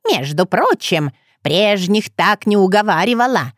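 A woman voicing a sly, hunched ancient village witch woman who talks in a slow, creaky, mocking way. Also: medium pitch, lively intonation, dry recording, clean studio sound. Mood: scornful.

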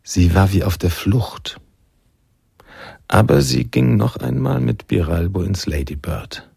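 A man narrates a radio drama as a sombre noir storyteller, his deep, husky voice measured, reflective and expressive, with an exaggerated, darkish tone. The mood is grave and reflective, and the recording is very dry, with no echo.

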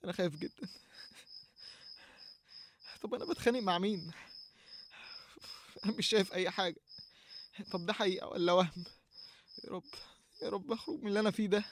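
A young man with an Egyptian Arabic accent playing a frightened man lost in dark fields in an audio horror drama. He stammers and restarts in panicky, breathless talk to himself. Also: high-pitched, fast, pauses often, no echo, lightly acted. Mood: terrified. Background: faint music and chirping crickets.

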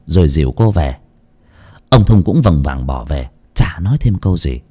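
A man narrating a ghost story audiobook in a dramatic, expressive way. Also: lowish voice.

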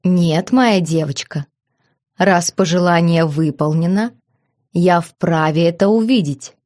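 A woman voicing a self-assured young husband who speaks in a lazy, unhurried, mocking tone. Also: on the low side, a little mellow, dry recording, studio quality. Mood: teasing.

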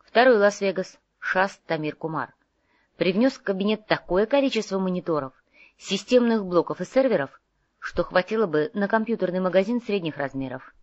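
A woman reading a fantasy novel aloud in measured, even storytelling. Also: mid-range voice, dry recording, lo-fi sound. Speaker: audiobook narrator. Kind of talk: scripted narration.

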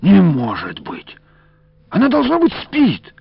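Bossy, excitable man who hisses and yelps orders, voiced by the male narrator; pitch jumps high, dull lo-fi sound. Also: fairly quick, creaky, breathy edge, dry recording, heavily acted. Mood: agitated. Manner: bossy, hissing, shouting. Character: excitable adult man driving a stubborn cow. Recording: dull, dry lo-fi audiobook recording.

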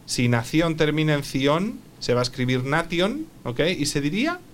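A man's voice: on the high side, very animated, normal speed, slight background noise. A man teaching English on the radio, patiently repeating phrases for a learner. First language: Spanish.

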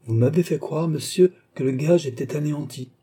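A man's voice: on the high side, fairly quick, dark tone, breathy edge, pitched above the performer's own voice. A man reading a proud, desperate cardinal. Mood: anxious pride. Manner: haughty yet anxious, pleading. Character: proud, distressed male cardinal prince in debt.

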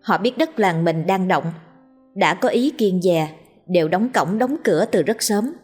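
Breathy woman reading a ghost story, soft music behind. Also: fairly low pitch, lively intonation, a little slow. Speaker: narrator. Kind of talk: scripted ghost story narration.

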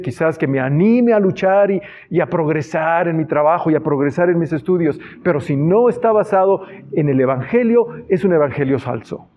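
Male pastor delivering an earnest sermon, fairly high voice, muffled lo-fi recording. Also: warm tone. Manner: earnest, reads Bible passages aloud and adds asides. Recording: dull lo-fi sound.

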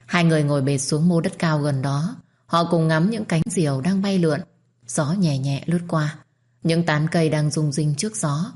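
Woman storyteller, lowish voice, calm and steady narration. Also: normal speed.

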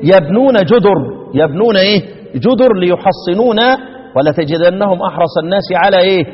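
A man with an Egyptian accent teaching Quran recitation, often asking his students questions and chanting the verses slowly. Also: high-pitched, muffled recording. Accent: Egyptian Arabic. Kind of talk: lesson explaining recitation variants. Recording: echoey room with long reverb.

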